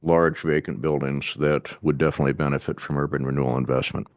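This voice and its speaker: A man on city staff giving a measured, methodical briefing to a public board, now and then pausing to restart a phrase. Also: extremely low pitch, level tone, dry recording, clean studio sound. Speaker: city staff presenter to an urban renewal board. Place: city board meeting room.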